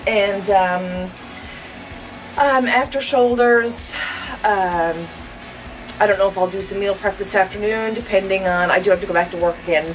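A woman's voice: mid-range voice, distant mic, poor audio. A woman in her thirties, a fitness vlogger and trainer, chatting casually to the camera in her bedroom with lots of "um" fillers. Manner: chatty, frequent "um" fillers, upbeat. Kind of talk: casual vlog chat to camera. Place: bedroom with a walk-in closet, indoors.

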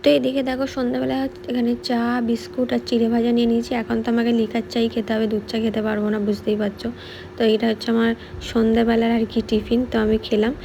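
A woman talks quickly through a casual vlog voice-over, chatty as she points things out. Her voice is gravelly and mellow, sitting fairly high. Faint noise hums behind her. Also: flat delivery.

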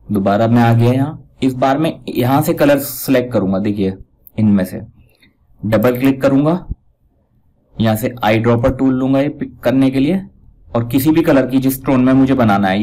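A man giving a casual step-by-step software tutorial, pointing out each step as he goes. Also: medium pitch, rough recording. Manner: talks step by step, repeats "dekhiye" while pointing things out. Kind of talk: casual screen-recorded tutorial.

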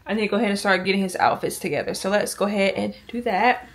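A young woman vlogger rambles casually to her viewers, holding the camera at arm's length as she moves between her home bedroom and a store. She talks fast, with a medium-pitched, steady tone.

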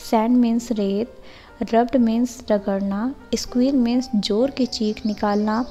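A woman with an Indian accent explaining a lesson plan step by step, reading English example lines slowly and carefully. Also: on the high side, mellow. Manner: reads quoted English lines very slowly and deliberately. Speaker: teacher-training tutor. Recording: muffled with long reverb, music behind.

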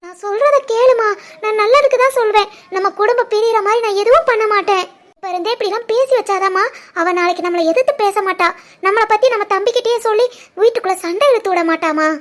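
A woman voicing a scheming young village woman in an animated family drama, complaining and insistent, with a southern Tamil Nadu village dialect. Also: extremely high pitch, quick pace. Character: sharp-tongued scheming young village woman, sister-in-law.

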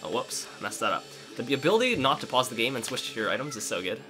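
A man's voice: medium pitch, big pitch swings, fast, over music. A man co-hosting a let's play, chatting casually and jokily while he plays, rambling with lots of "like"s. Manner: jokey, chatty, rambling with many "like"s. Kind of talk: casual gameplay chat.

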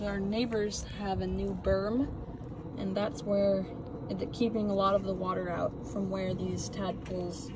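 A young woman talks eagerly into a phone held at arm's length, out in the open desert. Her voice sits at a middle pitch and she sounds amazed, rattling off quick asides. The outdoor recording carries a clear layer of background noise. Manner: excited and amazed, fast chatty asides. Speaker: herping vlogger. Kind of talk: casual outdoor nature vlog.

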